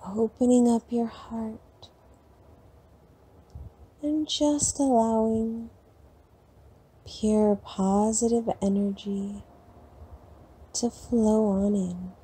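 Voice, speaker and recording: A woman leading a guided sleep meditation in a slow, soft, soothing way with long pauses. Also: a little high, steady tone, breathy edge.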